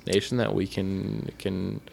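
A man co-hosting a casual podcast, speaking earnestly in halting phrases with many restarts. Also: low voice, little pitch movement, creaky, a little mellow. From United States. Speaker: podcast co-host.

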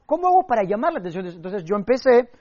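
A young man teaching public speaking, energetic and emphatic, telling stories and acting out what people said. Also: high voice, fast talker, highs cut off. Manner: energetic, emphatic, acts out quotes and sound effects. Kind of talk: motivational speaking lesson with stories.

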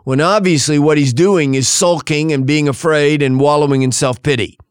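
A male pastor preaching a sermon, shifting dramatically between loud and hushed delivery. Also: on the high side, fairly even intonation, normal speed, clean tone, dry recording, studio quality.

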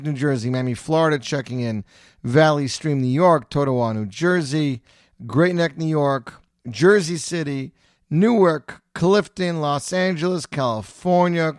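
High-voiced male radio countdown host. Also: dry recording, studio quality. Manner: announcer-style countdown delivery with dramatic lifts. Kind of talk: live music radio show hosting, top-ten style countdown.

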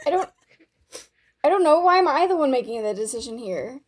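A woman's voice: high-pitched, sing-song, fairly quick. A woman playing a tabletop game, chatting casually, hesitant and giggly, with slight noise on her recording. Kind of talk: casual chat during a role-playing game.

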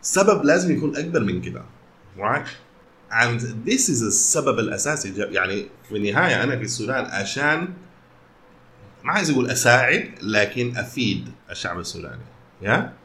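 A man's voice: medium pitch, sing-song, brisk, bright, forceful tone, a little hiss or hum. A man with a Sudanese Arabic accent in casual conversation, switching often between Arabic and English. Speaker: company founder.

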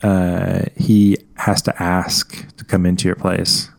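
Low-voiced man in rambling casual chat. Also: monotone, slow pace, gravelly. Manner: rambling, jokey, many fillers. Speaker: podcast co-host.

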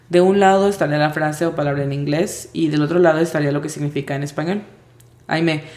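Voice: medium pitch, darkish tone. A language teacher giving a spoken lesson, patiently spelling out sounds letter by letter. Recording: roomy echo.

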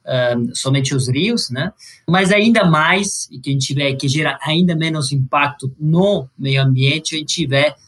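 His voice sits on the high side, fairly bright and unhurried. He's a Sicilian man, a native Italian speaker with an Italian accent, interviewed as a guest in his role as a corporate venture executive, and he explains while frequently adding little tag questions.

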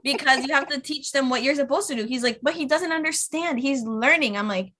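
A woman's voice: sits high, fairly quick, a crowd in the background. A woman in her thirties, a speech therapist guesting on a podcast, chatting casually with lots of fillers and acted-out quotes.

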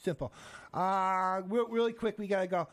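Rambling New radio host. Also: male voice, high-pitched, normal speed. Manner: joking, rambling, with stumbling restarts. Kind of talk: casual live radio chat.

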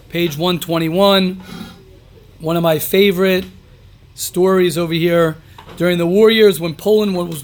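A man teaching an informal religious class, reading aloud and commenting emphatically, repeating phrases and asking rhetorical questions. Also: high voice. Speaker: rabbi teaching a daily class.

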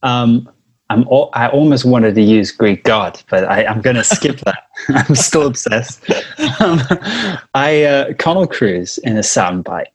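A South African man telling his life story in a relaxed conversational interview, speaking over a video call with a warm storytelling manner and frequent chuckles. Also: medium pitch, unhurried, breathy edge, no echo. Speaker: lead singer, interview guest.

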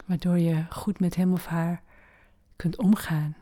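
A woman leading a guided meditation slowly and gently, with long pauses, in a soft voice that often turns to a breathy near-whisper. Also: lowish voice, fairly even intonation.

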